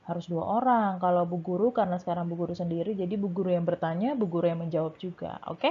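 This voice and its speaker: A woman primary school teacher giving a recorded lesson to young pupils, speaking gently and patiently. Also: fairly low pitch, fast, slightly rough. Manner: gentle, patient, addresses children as Nak. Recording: tinny phone-like sound.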